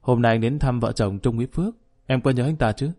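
Brief: steadfast gaunt ex-prisoner husband, calm and serious, as a narrator puts him on. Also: male voice, medium pitch, fast, close to an everyday voice. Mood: calm, grave. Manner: calm, grave.

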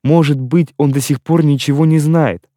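A man's voice: medium pitch, moderate pace, dark tone, dry recording, clean studio sound, lightly acted. A man reading an audiobook voices a heartbroken young girl who pleads and protests through tears. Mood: distraught pleading. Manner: distraught, breathless pleading.

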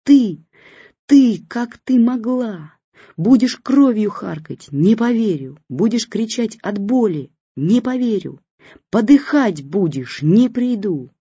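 A reader voicing an embittered young woman who shouts in hysterics. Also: medium pitch, lively intonation, fairly quick, hardly any pauses, husky, no room sound, lo-fi sound, pitched above the performer's own voice. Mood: hysterical. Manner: crying out in hysterics.

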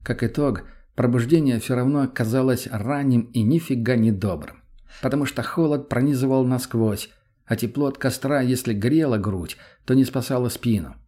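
A man narrating a first-person audiobook in an even, unhurried way. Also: medium pitch.

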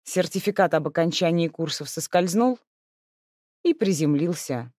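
A woman narrating an audiobook in a lowish voice with very lively, animated intonation. The recording is close and dry. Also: normal speed, no room sound. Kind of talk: expressive scripted narration.

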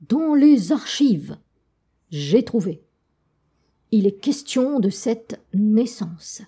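Un vieil esturgeon aimable et érudit, au parler poli et posé, joué par une conteuse. Sa voix reste plutôt aiguë, avec un timbre chaud et un débit lent. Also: female voice, a little high, breathy edge, exaggerated voice. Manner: polite, gentle, bookish. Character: old kind learned male sturgeon.

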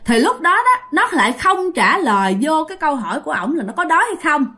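Here a high-pitched woman with a Southern Vietnamese accent recounts a ghost story briskly, her sharp tone swinging widely in pitch. Her delivery is conversational, aimed directly at the audience.

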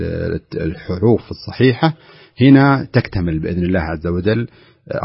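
Gravelly fast-talking recitation teacher, man. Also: low-pitched, no room sound, dull audio. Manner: corrective, demonstrates recitation aloud. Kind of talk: on-air recitation coaching.

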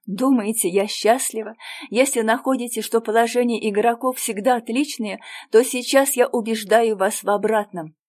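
A woman's voice: a little high, moderate pace, a little mellow, natural voice. A woman voicing a remorseful young woman gambler in a storybook reading, pleading and earnest.

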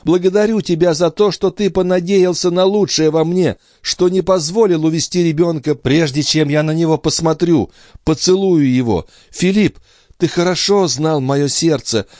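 Brief: a man doing a proud young noblewoman, distraught, high strained voice, dry sound. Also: sing-song, moderate pace, a little mellow, dry recording. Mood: anxious. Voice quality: raised pleading voice.

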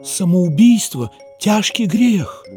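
A man's voice: fairly high pitch, big pitch swings, normal speed, a little mellow, faint music behind. A man doing a timid stammering young clerk. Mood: nervous earnest. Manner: nervous, stammering, earnest. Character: timid, earnest young male clerk, jug-eared and pimply.

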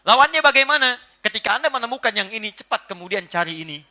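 Giving a religious lecture to a live audience, a man talks fast in a high voice that swings widely in pitch, with a very bright, sharp tone. Animated and playful, he acts out little household scenes as he goes.

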